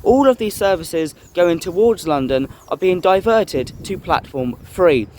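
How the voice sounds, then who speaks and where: Man, casual explanatory vlog, slightly high voice, outdoors, faint background noise. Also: lively intonation, measured pace, a little mellow. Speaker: vlogger. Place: outdoors at a railway station. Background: trains and station ambience.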